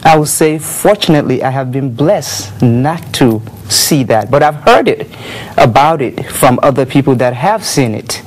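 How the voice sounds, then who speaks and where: A woman's voice: extremely low pitch, lively intonation, a little slow. A woman speaking earnestly and firmly as a guest on a TV talk show. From Nigeria.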